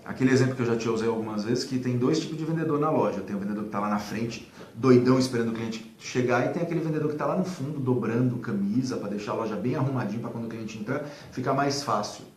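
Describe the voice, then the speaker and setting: In an echoey room with faint background noise, a sales consultant guest gives casual advice on sales management. His medium-pitched, darkish voice moves quickly with few pauses, and he's animated, acting out little dialogues and leaning on many fillers.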